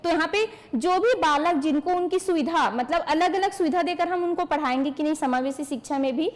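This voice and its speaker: A woman with a high voice, speaking a little fast, gives an exam-prep lecture to an online class. She explains by posing questions and answering them herself, and replies to students by name.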